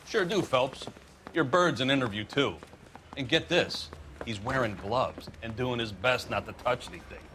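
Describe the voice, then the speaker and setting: Chatty cop male actor, irreverent, forceful bright voice, bit of noise behind, crime game. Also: medium pitch, normal speed, natural voice. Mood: amused, irreverent. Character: chatty, irreverent American male station policeman. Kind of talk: video game crime drama acting.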